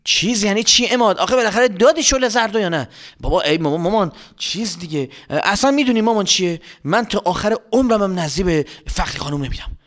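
A man's voice: high voice, a bit bright, voice pushed up. A man voicing a frightened young neighborhood boy who rambles breathlessly in a panic.

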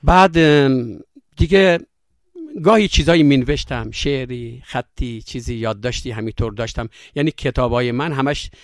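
A man with a Yazdi accent who tells stories and speaks reflectively, pausing on fillers between his anecdotes. His voice sits at an ordinary male pitch and comes across dry and close, with no room sound. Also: no echo. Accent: Yazdi Persian. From Yazd, Iran. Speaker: storyteller guest. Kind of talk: interview conversation.

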